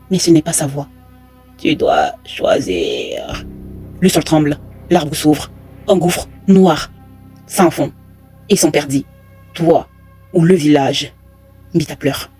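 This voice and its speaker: A storyteller narrating a dark folk horror tale in a slow, suspenseful way, broken by dramatic pauses. The voice is husky and a little breathy, sitting at a middle pitch, with faint music under the narration.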